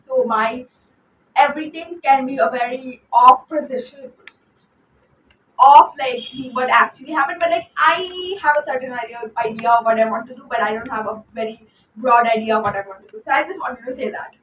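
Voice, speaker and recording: A young woman with an Indian accent chats loosely and excitedly about a film series, often restarting her sentences. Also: high-pitched, slight background noise. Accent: Indian English. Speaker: book vlogger. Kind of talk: unscripted fan commentary. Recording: echoey room, distant mic.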